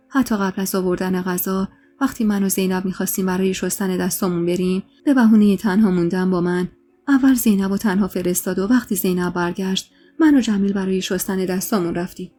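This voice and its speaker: A woman reading a true-life story aloud as a narrator, giving the characters' lines more emotion than her narration. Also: dark tone. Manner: voices the characters' lines with raised pitch and emotion.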